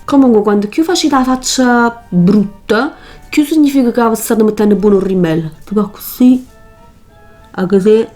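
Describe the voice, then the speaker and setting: Speaking at a normal speed in a slightly high, darkish voice, a woman walks through a makeup tutorial in Neapolitan dialect and accent. She's casual and emphatic, often saying things twice for emphasis, over background music.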